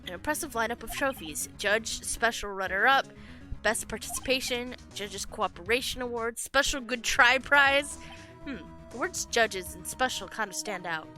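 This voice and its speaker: A woman's voice: on the high side, moderate pace, sharp tone, faint music behind. A woman reading the lines of an earnest young male defense lawyer in a plain, questioning voice.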